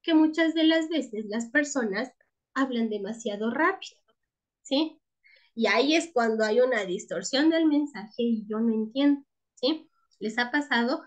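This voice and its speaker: A woman teaching a class, checking in with her listeners again and again and restarting words as she goes. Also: a little high. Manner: checks in with frequent tag questions; restarts words and repeats herself. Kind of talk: class lecture.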